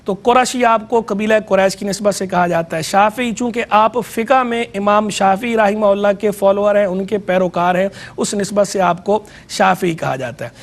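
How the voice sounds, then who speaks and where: On a TV program, a religious scholar speaking with a Pakistani Urdu accent delivers an educational lecture in a high voice. He explains things at a measured pace and repeats key terms for emphasis.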